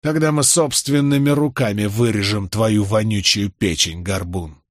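A man's voice: on the low side, normal speed, no room sound, studio quality, natural voice. A man voicing a brutal young male captive who snarls threats. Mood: menacing. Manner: snarling, growled.

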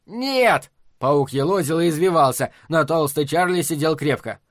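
Casting: male audiobook narrator, fairly high voice, bone-dry close recording. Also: normal speed, no echo. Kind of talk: scripted narration.

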